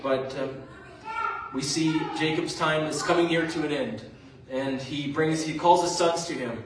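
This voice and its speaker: A man's voice: fairly high pitch, measured pace, noisy background. A man preaching a sermon, retelling a story in a conversational way with fillers. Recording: very echoey room, mic far off.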